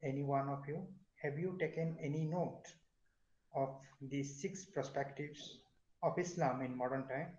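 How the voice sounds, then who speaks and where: A man's voice: on the high side, steady tone, measured pace, a little mellow. A middle-aged man, a professor lecturing an online class and quizzing his students, with many fillers and restarts. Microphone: video call. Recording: echoey, dull online class audio.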